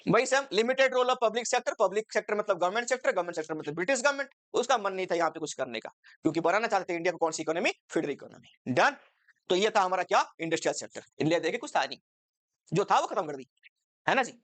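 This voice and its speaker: A woman's voice: mid-range voice, expressive, quick pace, no room sound. A woman teaching an exam-focused commerce lecture, asking the class rhetorical questions and switching between Hindi and English terms.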